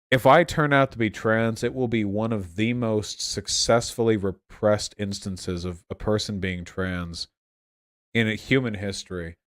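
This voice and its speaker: A young man with a fairly low voice talks off the cuff to a livestream audience. He sounds drunk and rambles, circling back and restarting phrases as he explains himself. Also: fairly bright tone. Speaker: livestream host answering chat. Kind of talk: casual rambling livestream talk.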